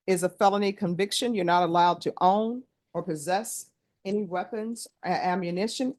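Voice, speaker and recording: A woman speaking as a judge in court, reciting formal legal questions in a brisk, procedural, authoritative courtroom manner. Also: on the low side, darkish tone, dry recording. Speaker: judge presiding over a plea hearing.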